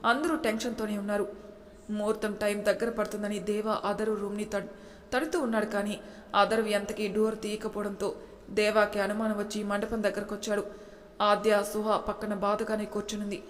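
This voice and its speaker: A woman narrating a serialized story in a steady, dramatic way. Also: medium pitch, moderate pace. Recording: roomy with long reverb.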